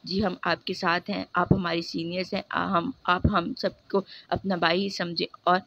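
A woman's voice: on the low side, little pitch movement, creaky, lo-fi sound, noisy background. Woman reading as a kind young male student. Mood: earnest. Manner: kind, earnest. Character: friendly young male college student, supportive.

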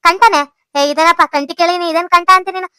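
A woman doing a shrill gushing village granny. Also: steady tone, fast, bright, forceful tone, no room sound. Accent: North Karnataka Kannada. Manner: fussy, gushing, lots of sighs. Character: chatty old village grandmother, doting. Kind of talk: cartoon voice acting.

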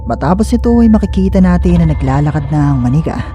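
A man narrating a scripted horror video in a measured storytelling manner. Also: a little high, lively intonation, warm tone, soft background music. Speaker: narrator of the channel.

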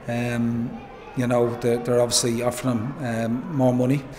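Irish man, 40s, football manager, level monotone speech, post-match interview, noise behind, handheld mic. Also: mid-range voice. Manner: measured, frequent "um" and "you know". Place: pitchside interview backdrop, noisy.

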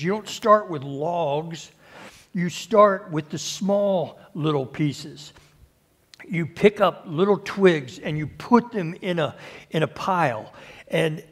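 A man preaching a conversational sermon at a church service, unhurried and often restarting or repeating his words. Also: on the high side. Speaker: pastor.

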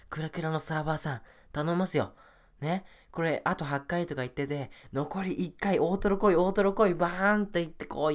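A young man chatting casually while playing a mobile game, muttering and repeating little phrases to himself. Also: a little high. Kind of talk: casual rambling gameplay chat.

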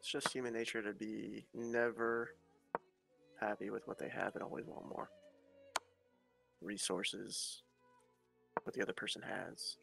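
A man's voice: on the low side, wildly swooping pitch, a little slow, vocal fry, pauses often, sharp tone, faint music behind. A man chatting bluntly and offhandedly with friends over voice chat during a game. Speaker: teammate on voice chat. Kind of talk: casual chat while gaming.

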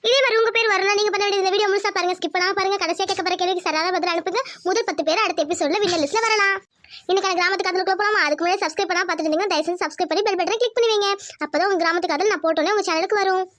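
A woman opening a cartoon channel episode, announcing winners and asking viewers to subscribe in a brisk, chirpy way. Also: very high voice, a bit bright, no room sound. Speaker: channel narrator. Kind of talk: scripted channel intro.

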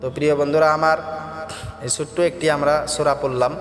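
A high-pitched male teacher leads a recitation lesson, drawing each verse out in a slow, melodic chant before breaking into brisk explanation. His voice rings through a roomy space with a long reverb tail. Faint music sits underneath. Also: fairly even intonation.

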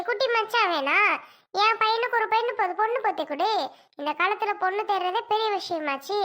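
Very high, bright voice acting a family quarrel. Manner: scolding, quick back-and-forth between roles. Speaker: performer voicing every role in a family sketch. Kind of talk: acted home family drama.

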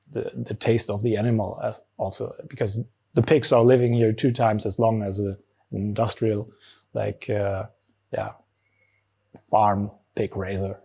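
A man in his thirties with a German accent, a brewery founder answering interview questions in a relaxed way with many fillers, on a lapel mic in a barrel room. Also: fairly low pitch, vocal fry, husky. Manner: frequent fillers, relaxed explaining. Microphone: small lapel mic.

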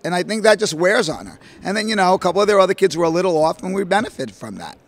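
Standing at a podium before a logo backdrop, a middle-aged head basketball coach fields postgame press conference questions at a quick pace through a podium microphone. His fairly high voice comes in animated, rambling bursts, looping back over his points with fillers and restarts.

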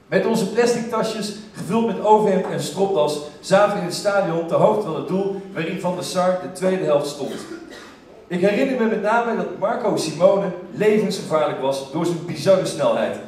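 High-voiced man telling a funny story on stage. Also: moderate pace. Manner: lively, bursts into shouted exclamations. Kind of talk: humorous storytelling to a live audience. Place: theater stage. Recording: echoey theater from far off.

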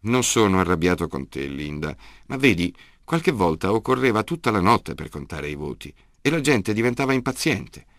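A man voicing a gruff, gravelly grandfather. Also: lowish voice, big pitch swings, moderate pace, few pauses, fairly bright tone, dry recording, studio quality. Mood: patient. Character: gruff grandfather, older man, stubborn and loud. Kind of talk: audiobook character reading.

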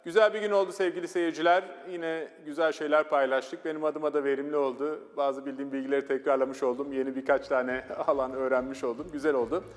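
A man's voice: medium pitch, fairly even intonation, quick pace, few pauses, in a large hall. A man hosting an interview program, polite and deferential, asking his guest brief questions. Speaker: program host.

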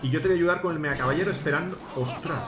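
Excitable gamer man, roomy mic. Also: fairly high pitch, racing. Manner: coaching teammates, bursts into shouting at big plays. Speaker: gaming YouTuber host. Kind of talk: excited live gameplay commentary. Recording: roomy sound with game music. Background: game music.

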